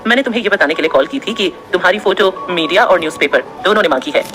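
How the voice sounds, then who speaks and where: Woman doing a warm middle-aged lady teacher, lower and calmer voice. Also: fast, over music, natural voice, rough recording. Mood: kind. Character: kind middle-aged female college teacher.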